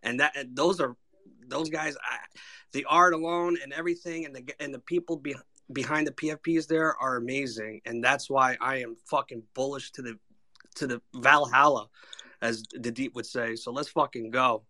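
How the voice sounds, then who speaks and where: A man's voice: mid-range voice, fairly even intonation, moderate pace, sharp tone, no echo. A man in a casual community chat, talking like a hyped gym bro with fervent, sweary enthusiasm.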